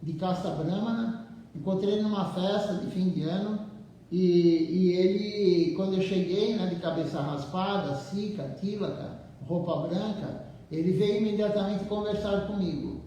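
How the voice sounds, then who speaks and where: A man with a high but mellow voice gives a slow devotional talk, stopping and repeating words as he goes. He sounds far from the mic, in a temple hall full of echo. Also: a little hiss or hum. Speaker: temple speaker. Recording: very echoey room, far from mic.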